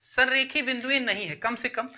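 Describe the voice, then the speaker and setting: A man's voice: very high-pitched, normal speed, bright, forceful tone. A man teaching a school maths lesson step by step, often repeating himself and checking in with his students. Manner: addresses students as children, repeats and checks with "theek hai". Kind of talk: classroom-style maths lesson.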